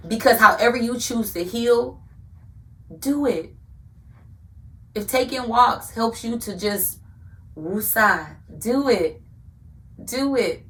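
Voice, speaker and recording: A woman's voice: mid-range voice, fairly bright tone, recorded from a distance. A woman hosting a podcast, giving an earnest faith-based motivational talk and repeating phrases for emphasis like a preacher. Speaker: podcast host.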